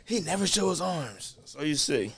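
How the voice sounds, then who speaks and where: Male co-host, frat-bro teaser with a fairly high voice, bouncy intonation, slang and repeated phrases. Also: very animated, normal speed, a bit bright, slight background noise. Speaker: podcast co-host. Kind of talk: casual teasing banter.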